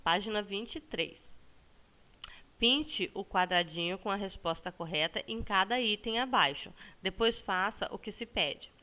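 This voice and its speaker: A woman teacher with a Brazilian accent, walking students through a lesson with patience. She stretches words slowly to show the stressed syllable and often checks in with "tá bom?". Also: mid-range voice, pushed and bright. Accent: Brazilian Portuguese. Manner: ends phrases with a checking "tá bom?". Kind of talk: recorded classroom lesson for students.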